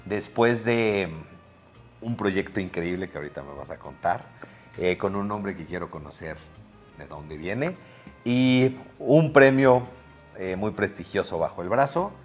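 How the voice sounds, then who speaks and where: A man hosting an interview show in a relaxed, chatty way with plenty of fillers. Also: low-pitched, unhurried, soft background music. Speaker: host.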